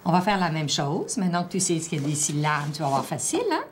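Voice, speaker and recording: A woman teacher with a Québécois French accent, slowly and patiently prompting a child through a one-on-one reading assessment. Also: deep voice, sing-song. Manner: slow, patient, drawn-out word-by-word prompting. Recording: faint background noise.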